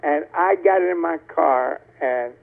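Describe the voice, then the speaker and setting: A man's voice: a little high, slow pace, vocal fry. Man on a clipped phone line. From Tampa, Florida. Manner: rambling, self-correcting storyteller. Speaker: caller. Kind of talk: casual call-in storytelling. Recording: tinny phone call on a TV show.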